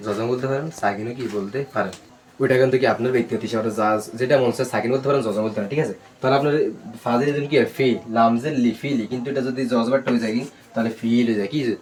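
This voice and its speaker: A man teaching a Quran reading class, spelling Arabic letters out slowly and drilling them with repeated questions and answers. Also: medium pitch. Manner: slow, syllable-by-syllable recitation.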